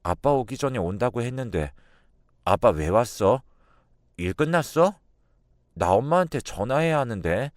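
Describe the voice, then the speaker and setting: A man's voice: medium pitch, animated, normal speed, pauses often, dry recording, clean studio sound, close to an everyday voice. A man voicing a small, innocent and chatty young daughter.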